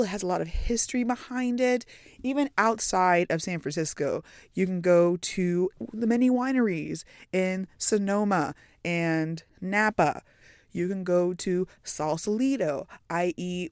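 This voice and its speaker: A woman's voice: lowish voice, darkish tone, studio quality. Young woman podcasting from inside her closet, chatty and playful, no echo at all. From United States. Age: young adult. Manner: chatty and playful, addresses listeners as y'all. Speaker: podcast host. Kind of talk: casual solo podcast chat. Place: inside a small closet in an apartment.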